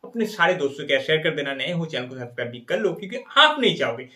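A man's voice: a little high, sing-song, fast, bright, forceful tone. A man, presenting and explaining magic tricks step by step like a showy magician. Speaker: magician, video tutorial host. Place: small indoor studio with dark backdrop. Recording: roomy indoor echo.

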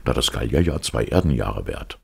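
Male reader as calm captain: very low, husky, conceding. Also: normal speed, exaggerated voice. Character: easygoing male sea captain, yielding.

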